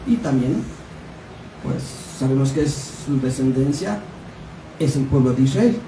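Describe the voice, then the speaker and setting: Preaching in a church hall, a Mexican man reads from scripture and questions the congregation during a Bible study sermon. He speaks a little slowly in an expressive, mid-range voice. Captured by a distant mic, the audio is echoey with background noise.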